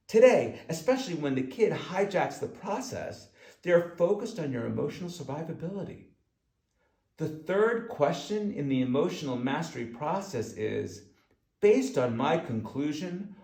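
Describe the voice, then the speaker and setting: The author reads his self-help audiobook aloud, talking directly and forcefully to the listener. His voice is a little high with a darkish tone, captured in an echoey room.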